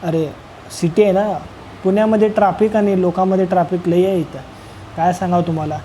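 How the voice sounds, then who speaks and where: High-pitched young man, mellow voice, faint background noise, casual rambling travel vlog voice-over. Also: steady tone, fairly quick, poor audio. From Solapur, Maharashtra. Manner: rambling, joking, addresses viewers as friends. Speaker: travel vlogger.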